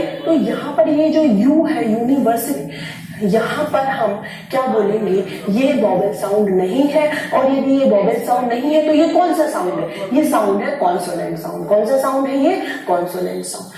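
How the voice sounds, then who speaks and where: A woman's voice: high-pitched, mellow. A woman teacher giving a grammar lesson, explaining step by step and answering her own questions. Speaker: English teacher. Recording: very echoey room, distant mic.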